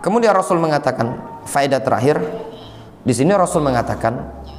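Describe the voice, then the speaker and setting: A man's voice: a little high, animated, a little fast. A middle-aged man teaching a mosque lesson, talking conversationally and asking his listeners rhetorical questions. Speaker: Islamic preacher. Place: mosque hall. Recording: echoey mosque hall with faint noise.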